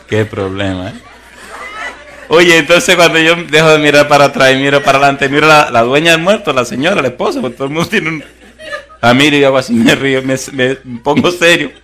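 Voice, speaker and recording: Animated preacher telling a funny story. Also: male voice, fairly high pitch, a little fast. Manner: animated storyteller, swings from hushed to loud. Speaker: pastor. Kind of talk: sermon with humorous storytelling.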